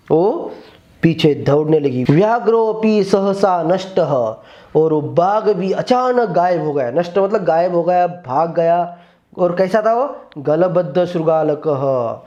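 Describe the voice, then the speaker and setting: A man's voice: fairly high pitch, warm tone, muffled recording. A man teaching Sanskrit. He reads each line of a text and then explains it word by word in Hindi.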